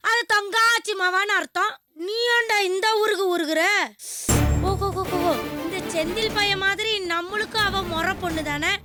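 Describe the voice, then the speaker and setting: A sarcastic, quarrelsome mother trades barbs in a very high, piercing voice. Loud background music from the drama soundtrack runs under her lines. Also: normal speed. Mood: mocking. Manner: mocking, quarrelsome. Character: sharp-tongued sarcastic middle-aged mother. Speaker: scolding mother in a soap opera.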